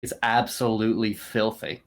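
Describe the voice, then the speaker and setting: A man co-hosting a sports podcast, excitable and laughing often as he hypes his picks in casual chat. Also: lowish voice, normal speed. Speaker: podcast co-host.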